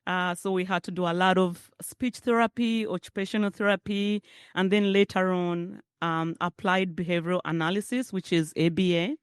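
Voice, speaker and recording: A middle-aged Ugandan woman gives a keynote in a chatty, conversational way. Her voice is smooth and clear. The sound is dry and close. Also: lowish voice, steady tone, moderate pace, dry recording. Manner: warm, conversational, laughs often. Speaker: keynote speaker. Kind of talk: public speech.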